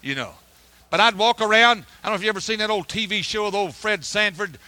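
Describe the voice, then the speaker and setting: A man preaching a folksy testimony sermon, rambling and colloquial, with sudden loud outbursts. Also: high voice, fast.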